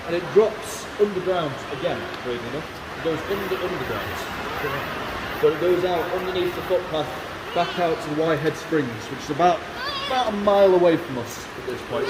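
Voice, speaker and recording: A man working as a cave guide, giving an informal, explanatory tour with casual asides in an echoing cave. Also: fairly high pitch. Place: inside a large show cave. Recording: echoey cave, loud background noise.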